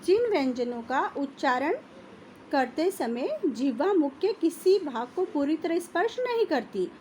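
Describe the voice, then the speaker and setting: Woman teacher, high voice, deliberate pace, faint background noise. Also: sing-song, a little mellow. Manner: slow, careful, repeats sounds for pupils to copy. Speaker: Hindi teacher. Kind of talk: classroom lesson.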